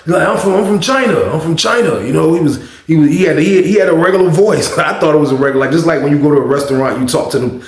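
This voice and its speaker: A man's voice: fairly high pitch, fairly even intonation, rapid-fire, darkish tone, reverberant. A man casually telling a story to his viewers, rambling and often adding filler phrases. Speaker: vlogger.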